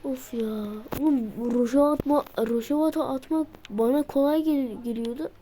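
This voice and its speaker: A woman giving a casual gameplay tutorial, excitable and muttering and shouting at the game as she plays. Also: high-pitched, normal speed. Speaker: gameplay video maker.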